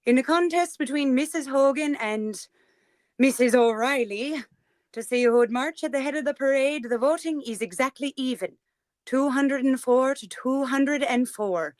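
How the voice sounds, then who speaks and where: A woman's voice: high voice, moderate pace, no echo, close to an everyday voice. A woman playing a pompous official. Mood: officious. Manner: officious, blustering. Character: pompous Irish man, auxiliary official, Mr. Kelly. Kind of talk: amateur radio drama reading.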